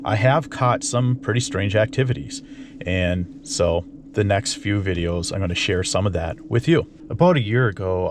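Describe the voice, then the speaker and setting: Casual storyteller host: a man with a lowish voice, blunt and sweary, over steady background noise. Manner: blunt, swears freely, talks in loose run-on sentences. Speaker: channel host.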